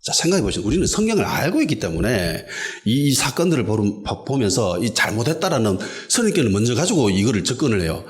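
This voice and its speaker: A pastor delivers an expository sermon. He is emphatic and animated, with a lively, swinging pitch, and repeats key lines to drive them home. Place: church in a basement hall.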